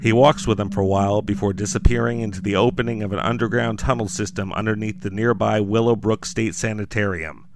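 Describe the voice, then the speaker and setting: Man narrating suspensefully over clear noise. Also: fairly low pitch, fairly even intonation, fairly quick, hardly any pauses, a little mellow. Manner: scripted, dramatic second-person storytelling with dry humour. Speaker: podcast host and storyteller. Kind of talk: suspenseful narration of a scary story, like a crime show narrator.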